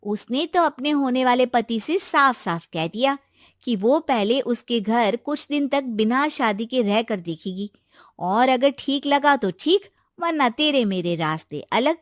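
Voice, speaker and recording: A woman's voice: fairly high pitch, expressive, measured pace, no room sound, studio quality. A woman voicing a chatty young college friend who confides advice in a cartoon story.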